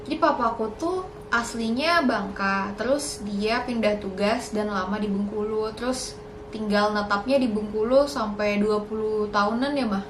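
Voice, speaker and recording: A woman's voice: mid-range voice, moderate pace, roomy sound, background noise. A young woman in a casual Q&A vlog, chatty and a little nervous, mixing in English words. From Indonesia. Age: young adult. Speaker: YouTuber.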